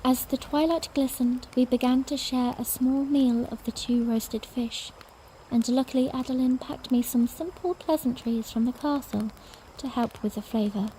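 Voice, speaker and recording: Woman acting a high-voiced, tender princess, Zelda. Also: steady tone, normal speed, mellow, a little hiss or hum, lightly acted, poor audio. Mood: warm, wistful. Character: young princess, tender, earnest, gently playful narrator. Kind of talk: first-person audiodrama narration with character dialogue.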